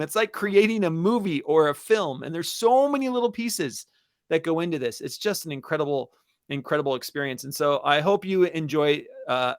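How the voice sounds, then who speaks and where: In a conversational webinar aimed at educators, a male co-host with a fairly bright, higher-pitched voice sounds enthusiastic and emphatic, stressing points by repeating key phrases. Audio is studio grade and free of echo.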